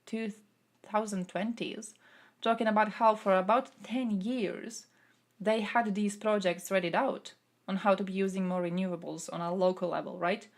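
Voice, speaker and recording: A woman's voice: mid-range voice, steady tone, moderate pace. A young woman from Croatia who streams and answers chat, talking through politics in a casual way, thinking aloud with fillers.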